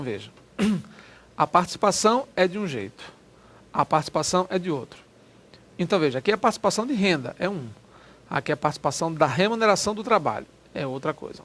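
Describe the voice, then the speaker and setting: A Portuguese grammar teacher with a somewhat high, fairly bright voice works through test questions in an exam-prep lecture. He explains carefully, drawing out stressed words and checking in with listeners often through repeated "né?"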